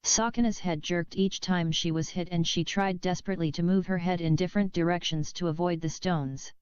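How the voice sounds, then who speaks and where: A woman reading a book chapter aloud as scripted audiobook narration, in a steady, measured delivery. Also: on the low side, clear, resonant tone, no room sound. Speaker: audiobook reader. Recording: dull lo-fi dry recording.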